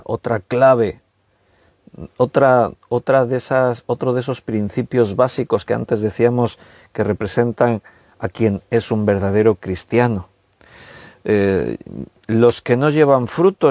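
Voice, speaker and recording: Conversational preacher, dry sound. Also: male voice, medium pitch, darkish tone, dry recording. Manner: conversational, stretches key words slowly for emphasis. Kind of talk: sermon. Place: recorded at home with a tablet.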